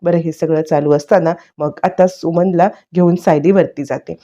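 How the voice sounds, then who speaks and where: A woman's voice: sits low, steady tone, moderate pace, warm tone. A woman casually retelling a TV serial episode in a chatty storytelling way. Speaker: narrator. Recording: dull lo-fi recording.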